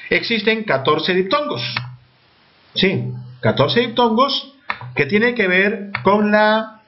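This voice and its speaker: A man with a Peruvian Spanish accent teaches a class in a lively voice that rises and falls a lot. He asks questions, answers them himself and spells out letters slowly. The recording sounds dull and lo-fi. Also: fairly high pitch. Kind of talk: classroom lecture.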